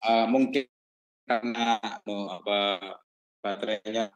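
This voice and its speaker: A man's voice: lowish voice, fairly even intonation, unhurried, low-quality recording. A man, a pastor, answering a question in an online discussion while his voice breaks up over an unstable connection. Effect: voice breaking up over an unstable online call.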